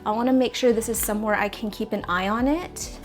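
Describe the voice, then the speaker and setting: A woman vlogging about plants talks fairly quickly in a high-side, steady voice over soft background music. Stuffy and sniffly, she rearranges houseplants in her apartment plant room while chatting casually, rambling a little and self-correcting.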